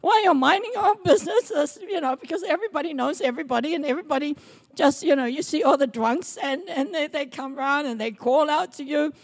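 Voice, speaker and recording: A middle-aged woman from Samoa giving a personal testimony sermon, telling stories in a lively way and acting out quoted speech. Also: high-pitched, quick pace. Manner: lively storytelling, acts out quotes, laughs often. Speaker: preacher.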